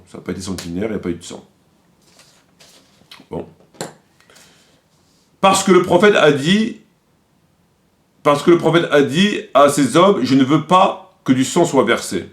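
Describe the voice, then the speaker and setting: A man with a mid-range voice offers critical commentary, quoting sources in a didactic way and repeating his points to drive them home.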